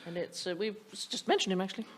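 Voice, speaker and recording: A woman's voice: medium pitch, racing, breathy edge. A woman hosting a comedy panel quiz with a dry, teasing delivery, in front of a live audience. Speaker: quiz show host. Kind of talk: comic panel show hosting. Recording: live audience laughter with background noise.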